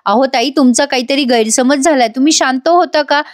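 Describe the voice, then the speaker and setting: A middle-aged mother reasons and placates in a high voice, as a woman narrator plays her. Storytelling recap of a serial. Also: a little fast, natural voice. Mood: placating.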